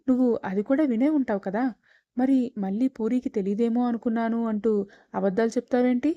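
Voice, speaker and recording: A woman narrator voicing an elderly grandmother, gentle but firm, in a storybook reading. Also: on the high side, a little fast, no room sound, highs cut off, close to an everyday voice. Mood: stern. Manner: soothing, then stern.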